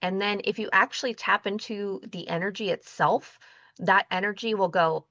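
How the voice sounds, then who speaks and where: A woman with a bright, forward voice tells stories animatedly in a casual interview and acts out the dialogue. The sound is dry and a little dull, like a lo-fi recording. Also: medium pitch, steady tone, moderate pace, no echo. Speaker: guest, intuitive energy healer.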